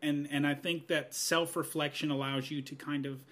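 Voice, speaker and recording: A man in his thirties talks through life lessons as a podcast guest, earnest and a little rambling. His voice is bright and forward and sits slightly high for a man. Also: level tone, moderate pace. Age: 30s. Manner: earnest, rambling, many "you know"s. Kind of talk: reflective podcast conversation.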